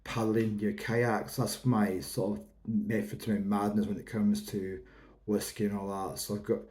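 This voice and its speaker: Low-voiced Hebridean Scottish man, rambling casually. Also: flat delivery, normal speed, darkish tone. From Isle of Lewis, Outer Hebrides, Scotland. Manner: rambling, informal, explanatory. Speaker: whisky reviewer. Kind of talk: casual review to camera.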